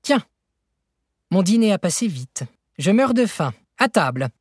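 A man reading a story and voicing an impulsive, excitable elderly male professor who bursts out in high exclamations. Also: measured pace, slightly rough, dry recording, clean studio sound, full character voice. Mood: brisk. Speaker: the narrator's uncle.

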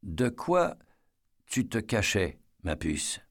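An older veteran speaking slowly and precisely, soft and careful with his words, as a male narrator plays him. The voice stays close to the reader's own fairly low register, in a storybook reading. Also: big pitch swings, no echo, full character voice. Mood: gentle. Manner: slow, precise, softly spoken. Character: older man, gentle, haunted war veteran.

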